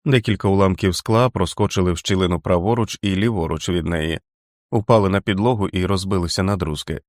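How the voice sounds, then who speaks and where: Brief: male audiobook narrator, measured and dramatic, low voice, dry close mic. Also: a little mellow, no echo.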